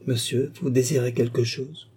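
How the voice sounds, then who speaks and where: A man voicing a calm, gentle young woman who keeps a bookshop, in a narrated story. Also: mid-range voice, normal speed, breathy edge, natural voice. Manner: soft and composed.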